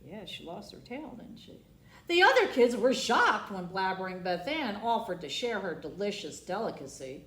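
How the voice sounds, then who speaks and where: At a library storytime, a woman with a mid-range, slightly bright voice reads a picture book aloud to children at a moderate pace. Her delivery is sing-song and theatrical, leaning on the colourful alliterative words. The room sounds roomy and echoey.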